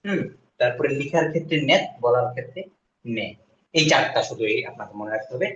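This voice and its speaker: Male teacher, slow repetitive drilling style, distant and dull in an echoey classroom. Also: medium pitch, animated, a bit bright, a little hiss or hum. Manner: slow repetitive drilling, asks "ঠিক আছে?". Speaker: language teacher. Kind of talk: classroom lesson.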